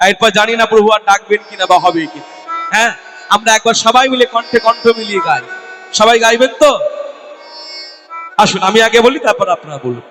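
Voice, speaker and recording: High, bright-voiced male kirtan preacher. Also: expressive, moderate pace, pauses often, big-room sound, soft background music. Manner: asks the audience rhetorical questions and answers them; addresses the women listeners directly. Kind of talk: devotional sermon with call-and-response chanting. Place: devotional gathering before a live audience.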